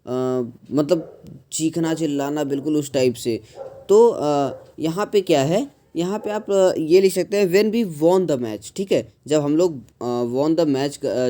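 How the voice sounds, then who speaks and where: A man teaching an English lesson, explaining step by step with frequent pauses and mixing English phrases into his speech. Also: on the high side, warm tone. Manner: mixes English phrases into Hindi, slows to model sentence stress; frequent pauses with "uh" and "thik hai".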